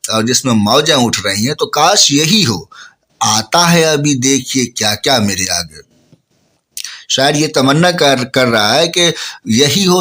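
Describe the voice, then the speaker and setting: A man teaching a ghazal. He recites each couplet slowly, then explains it plainly to his listeners, and has a bit of a cough. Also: medium pitch, bright, forceful tone. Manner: addresses listeners as friends. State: coughing, slightly hoarse. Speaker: Urdu poetry teacher.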